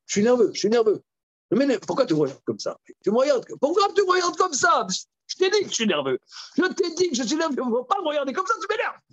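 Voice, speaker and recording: A rabbi putting on a shrill, touchy hothead. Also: male voice, big pitch swings, fast, a bit bright, lo-fi sound, exaggerated voice. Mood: irritated. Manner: shrill, indignant outbursts. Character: touchy, hot-tempered man who insists he can't help it.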